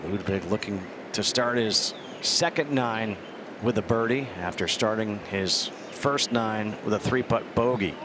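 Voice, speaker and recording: A man with a low voice leads live golf commentary. He announces players and scores concisely, with clear outdoor noise in the broadcast. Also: measured pace.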